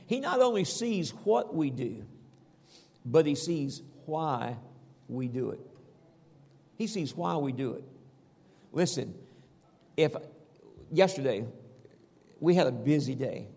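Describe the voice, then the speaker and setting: Preacher guy, raspy fry in the voice, homey stories, echoey hall. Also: a little high, dark tone. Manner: folksy preaching with Scripture readings. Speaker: pastor. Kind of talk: sermon.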